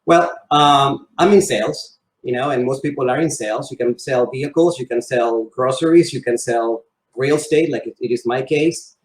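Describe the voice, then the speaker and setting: Conversational interview answers come from a man with a mid-range voice speaking at a moderate pace. Echo fills the roomy space around this real estate salesman, who is from Venezuela and Spain and speaks Spanish as his first language.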